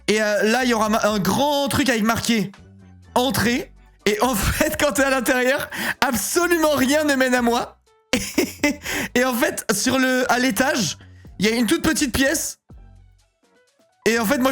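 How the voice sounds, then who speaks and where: A man in his thirties chatting casually on a live stream, excitable and rambling, often breaking into giggles. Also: extremely high pitch. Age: 30s.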